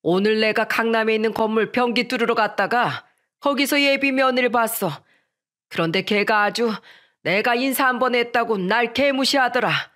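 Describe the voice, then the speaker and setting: A woman's voice: a little high, moderate pace, a bit bright, natural voice. Woman doing an indignant working dad. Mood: angry. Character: angry working father, middle-aged man.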